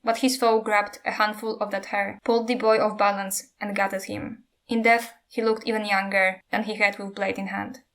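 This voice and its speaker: A woman's voice: mid-range voice, flat delivery, moderate pace, hardly any pauses, fairly bright tone. Woman narrating with wry asides. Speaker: book reader and commentator. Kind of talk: reading a novel aloud with commentary.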